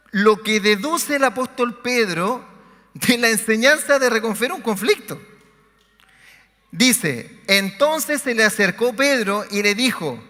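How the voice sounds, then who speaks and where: A man preaching a sermon as pastor, reading scripture aloud with dramatic pauses on a convention stage mic. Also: sits high, pushed and bright. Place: large convention hall. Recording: convention hall reverb.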